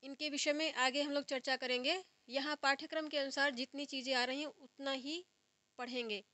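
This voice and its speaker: A young woman teaches an exam-prep grammar lesson, reciting each form slowly and going back over it. Her voice sits high and sounds bright and clear. The sound is dry and close, with no room around it. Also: fairly even intonation, no room sound. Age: young adult. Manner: slow, repetitive recitation of word forms, explaining step by step. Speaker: Sanskrit teacher.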